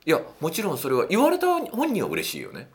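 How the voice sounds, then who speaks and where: A man talking through dating advice in a casual monologue, animated and acting out little quotes, with a self-affirming "un" between points. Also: brisk. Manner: animated, swoops widely in pitch, acts out quotes.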